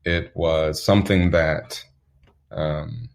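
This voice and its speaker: Reflecting on his experiences as an interview guest, a man from Zambia spins unhurried anecdotes in a very deep, gravelly voice with vocal fry. His pitch stays steady and even, and he lets out an occasional chuckle as the stories unfold.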